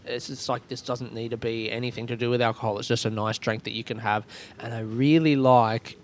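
A man's voice: mid-range voice, little pitch movement, fairly quick. An Australian man hosting a podcast in a casual, rambling, conversational way, recorded on a boat. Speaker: podcast host. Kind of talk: casual solo podcast intro. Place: recorded on a ferry at sea. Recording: clear ambient noise aboard a boat. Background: ferry ambience.

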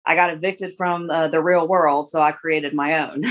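A woman's voice: sits low, fairly even intonation, unhurried. A woman in her forties, a guest in a casual interview, talking in a rambling way with many restarts and fillers. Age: 40s.

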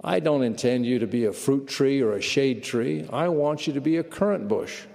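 A man's voice: mid-range voice, normal speed, gravelly, darkish tone, long reverb tail, lightly acted. A man quoting an earnest, firm old gardener. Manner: earnest, firm quoted storytelling. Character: firm older male gardener, later humbled.

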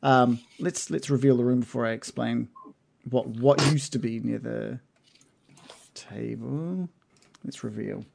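Creaky-voiced man narrating a tabletop game. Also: medium pitch, unhurried, pauses often, a little mellow. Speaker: game master.

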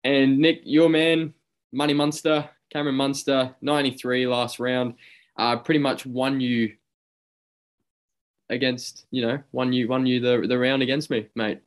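A man's voice: mid-range voice, level tone, unhurried. Blokey Australian man, matey sports host. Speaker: host of a fantasy rugby league show. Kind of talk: casual sports chat.

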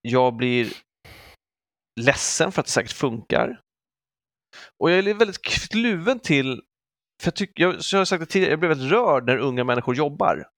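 A man's voice: on the high side, long pauses, no room sound, studio quality. A man in his forties telling stories in a casual podcast chat, acting out quotes as he goes. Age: 40s. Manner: animated storytelling with acted quotes. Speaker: podcast co-host.

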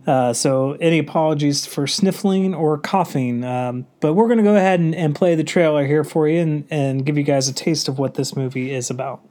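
A man's voice: fairly high pitch, fairly quick, hardly any pauses, mellow. Congested man hosting a film review. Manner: rambling, filler-heavy delivery. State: congested with a cold.

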